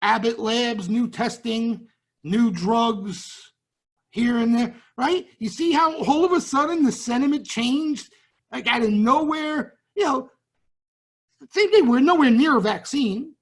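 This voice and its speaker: A man's voice: very high voice, takes it slowly. A man with a Brooklyn accent hosting a trading show, talking casually and bluntly to viewers and often checking in with "right?". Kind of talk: casual market talk to viewers.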